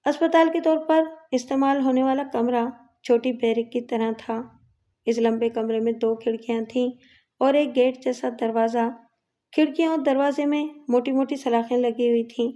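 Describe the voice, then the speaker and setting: A woman narrating a story in a steady, measured way. Her voice sits somewhat high with a warm, mellow tone.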